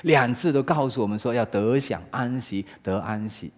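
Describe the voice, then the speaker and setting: A man preaching a sermon in Mandarin, asking rhetorical questions and swinging between loud exclaiming and hushed talk. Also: medium pitch, normal speed. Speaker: pastor.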